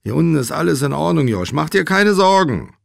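A man voicing a sedated sick man in a hospital bed who mumbles slowly and drifts off. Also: fairly high pitch, sing-song, creaky, dry recording, clean studio sound, pitched above the performer's own voice, full character voice. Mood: drowsy.

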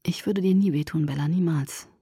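A woman's voice: deep voice, a little fast, dark tone, husky, no echo, studio quality, heavily acted. A woman doing a cocky, pleading young man. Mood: pleading softly. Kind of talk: audiobook character voice.

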